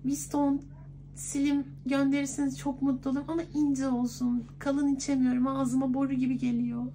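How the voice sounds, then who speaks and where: Man doing a high-pitched coy woman's voice. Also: completely flat delivery, normal speed, warm tone, a little hiss or hum. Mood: flirty, sweet. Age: 20s. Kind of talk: prank phone call. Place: clothing shop, indoors.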